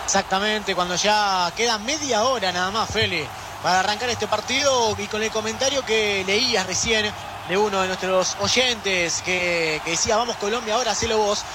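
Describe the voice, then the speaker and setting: High-pitched Argentine co-commentator. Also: male voice, moderate pace. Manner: chimes in briefly, agreeing with his partner. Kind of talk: live stream commentary banter. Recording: steady background noise.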